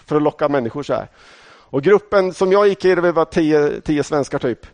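With a fairly high, animated voice and a darkish tone, a middle-aged man from Sweden delivers a sermon, recorded without room sound. He addresses the congregation directly, weaving in conversational stories from his own life.

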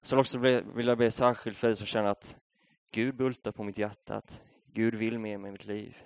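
Swedish preacher with a dry close sound. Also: male voice, lowish voice, flat delivery, gravelly, no room sound. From Sweden. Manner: conversational storytelling, rising to rousing exhortation. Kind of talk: sermon.

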